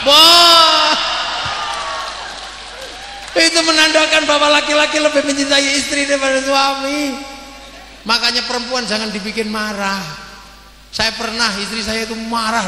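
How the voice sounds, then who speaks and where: A man's voice: extremely high pitch, pushed and bright, a little hiss or hum. A man giving a humorous sermon, telling jokes and stories and mixing in phrases. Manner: joking storytelling, mixes in Javanese phrases. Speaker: preacher. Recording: echoey hall, faint ambience.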